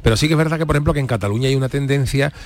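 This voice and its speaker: A man's voice: mid-range voice, very fast. A man with an Andalusian Spanish accent hosting a casual radio talk show, explaining points at length. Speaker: radio host.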